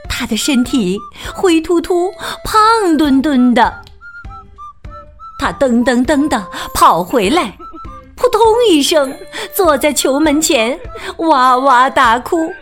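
Woman storyteller for kids' picture books; high, lively voice, slow and sing-song, soft music behind. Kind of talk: children's story reading.

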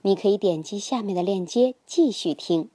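A woman narrating a children's bedtime story in a gentle, sing-song manner. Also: mid-range voice, lively intonation, normal speed, no echo.

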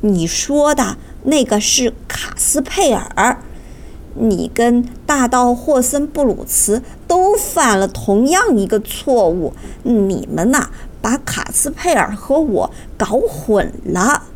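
A woman's voice: fairly high pitch, big pitch swings, takes it slowly, slight background noise, heavily acted. A woman doing a stammering, flustered servant boy. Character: bewildered simple male servant boy.

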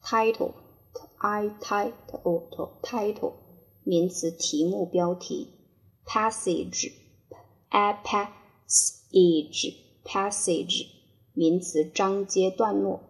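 A woman teaching English vocabulary with a Chinese accent, repeating each word slowly and then explaining it. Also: medium pitch, fairly even intonation. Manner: slow, deliberate repetition of each word. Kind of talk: word-by-word pronunciation drill.

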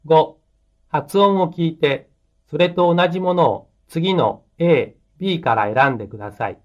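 Man, slow dictating delivery, language lesson narrator, mid pitch, dull lo-fi tape. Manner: measured dictating, reading items out one by one. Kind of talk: scripted Japanese textbook exercise narration.

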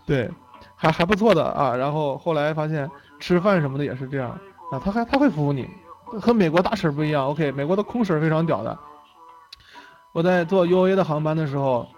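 A young man with a fairly high voice tells stories in a relaxed lecture. He is chatty, laughs easily and tags his lines with quick "OK"s. Faint music plays softly behind him. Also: low-quality recording. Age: young adult. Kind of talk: casual storytelling lecture.

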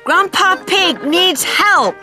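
An actress voicing a gentle, motherly elderly granny pig in a cartoon. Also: very high voice, animated, slow, music in the background, exaggerated voice. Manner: warm, motherly, fussing. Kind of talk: cartoon voice acting.

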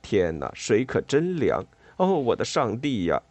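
A man's voice: mid-range voice, wildly swooping pitch, unhurried, darkish tone, dry recording. Man doing a bumbling young mole, hesitant, flustered, storybook voice. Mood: shocked. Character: clumsy, eager young male mole.

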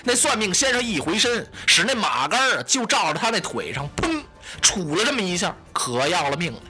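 A man narrating a traditional story in a lively, dramatic way, voicing the sound effects himself. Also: high voice, fairly quick.

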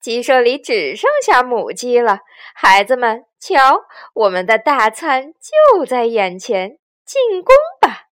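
Woman playing a weasel bandit boss, loud, jeering, storybook villain. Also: a little high, big pitch swings, takes it slowly, few pauses, dry recording, clean studio sound, heavily acted. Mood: gloating. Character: boastful male weasel bandit chief.

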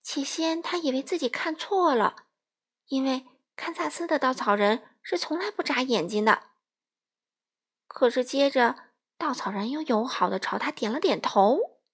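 Husky-voiced woman reading a storybook. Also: high-pitched, animated, measured pace. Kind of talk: children's storybook narration.

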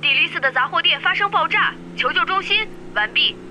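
A brisk cartoon emergency dispatcher calls out over a two-way radio. Her voice sits very high and sounds piercingly bright, her clipped words coming through with a faint hiss behind them. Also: animated, heavily acted. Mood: urgent. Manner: quick, clipped radio call-out. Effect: two-way radio transmission. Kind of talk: cartoon dub acting.

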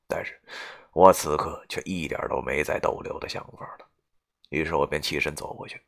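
Man, audiobook narrator, deep voice, gravelly, gruff and coarse telling. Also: steady tone, normal speed. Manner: gruff, coarse, swearing storyteller. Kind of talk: first-person novel narration.

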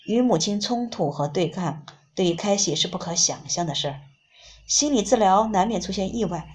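A woman narrating a book in the first person, reading in a calm, measured way. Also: mid-range voice. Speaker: audiobook reader.

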